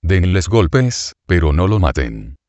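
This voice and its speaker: A man narrating an audiobook voices a harsh landowner barking orders, with a deep voice in a dull, dry recording. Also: big pitch swings, takes it slowly, a little mellow, no echo, heavily acted. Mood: commanding. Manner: barking commands.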